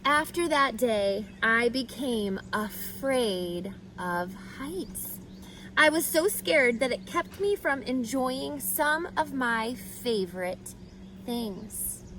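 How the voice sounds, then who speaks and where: Gentle, anxious egg narrator for a picture book female reader, fairly high voice, very expressive, slight background noise. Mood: fearful, wistful. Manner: expressive, deliberate storyteller delivery. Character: Humpty Dumpty, a gentle, wistful, fearful egg. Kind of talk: picture book read-aloud.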